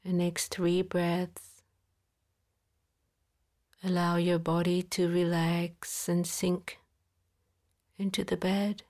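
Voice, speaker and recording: A woman guiding a body-scan relaxation in a soft, calm voice, sometimes dropping into a whisper, with long pauses. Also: fairly low pitch. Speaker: meditation guide.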